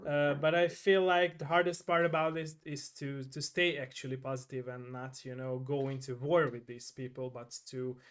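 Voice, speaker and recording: A man whose first language is Hungarian hosts a casual video interview. He speaks in a mid-range voice and hesitates, repeating words, with sudden loud emphasis on his points. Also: medium pitch, flat delivery, normal speed, hardly any pauses, clear, resonant tone. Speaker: host, interviewer.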